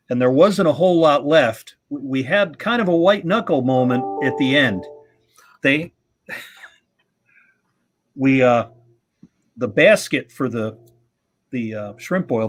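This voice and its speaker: A middle-aged man hosting a live radio-club stream, telling rambling, chuckling anecdotes in casual chat. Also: mid-range voice.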